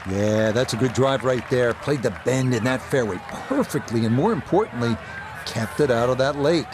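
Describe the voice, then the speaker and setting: A man doing golf commentary as lead announcer in a sports video game, calling play in short, measured phrases. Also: mid-range voice, expressive, crowd noise, noisy background, lightly acted.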